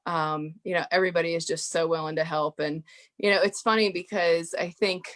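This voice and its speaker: A woman's voice: lowish voice, fairly even intonation, a little fast, fairly bright tone. A woman guest on an interview show, telling stories in a chatty way with many "you know" fillers. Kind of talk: casual podcast interview.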